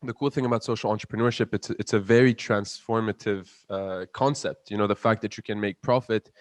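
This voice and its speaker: This young guest from Palestine, a student entrepreneur in his 20s, gives interview answers in a fairly low, steady voice at a fairly quick pace. Earnest and passionate, he repeats words to build his argument, and the recording is dry with clean studio sound.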